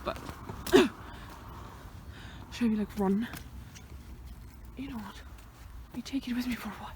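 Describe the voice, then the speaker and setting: A woman's voice: on the high side, moderate pace, dark tone, a little hiss or hum. A young woman vlogging on a hike, chatting and rambling to herself, a little out of breath, on a country road. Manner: chatty, rambling, talks to herself, swears lightly. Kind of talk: rambling vlog chat on a walk. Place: outdoors on a country road beside a fenced field. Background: passing cars.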